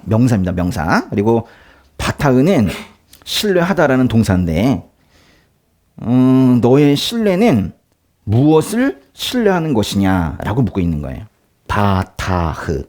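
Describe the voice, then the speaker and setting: A man preaching a sermon as pastor, explaining scripture in a lively, conversational way, acting out quoted lines and laughing now and then. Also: fairly low pitch. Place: church.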